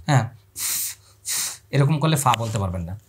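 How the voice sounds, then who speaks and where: A man with a mid-range voice teaches Quran pronunciation step by step at a moderate pace, explaining calmly before stretching out each letter sound in long calls. He poses questions and answers them himself for the viewer. A slight hiss or hum is audible.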